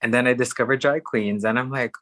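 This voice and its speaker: Chatty young man from Hawaii, bright tone. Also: mid-range voice, fairly even intonation, fairly quick, no echo. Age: young adult. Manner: chatty, warm, laughs often between phrases. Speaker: guest, drag performer. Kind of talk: casual chat.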